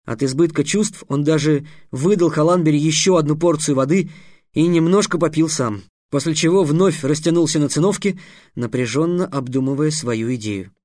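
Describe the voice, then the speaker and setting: A man reading a children's fantasy audiobook with an even, storytelling delivery. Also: fairly high pitch, moderate pace, dry recording, studio quality. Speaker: audiobook narrator. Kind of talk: scripted audiobook narration.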